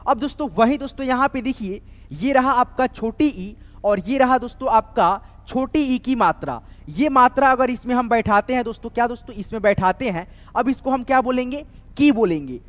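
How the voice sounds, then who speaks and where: High-voiced man teaching Hindi letters. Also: lively intonation, a bit bright, long reverb tail. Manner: repeats "dostom" often, slow sounding-out of syllables. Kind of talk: online lesson, explaining letters and vowel signs.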